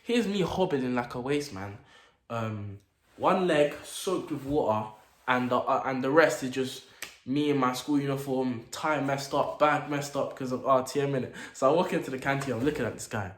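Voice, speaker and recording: A young man, telling a story to camera in a casual, animated way, full of slang and acted-out reactions. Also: mid-range voice, moderate pace. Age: late teens. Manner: animated, slang-heavy, acts out his own reactions. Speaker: vlogger. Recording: echoey room with faint noise.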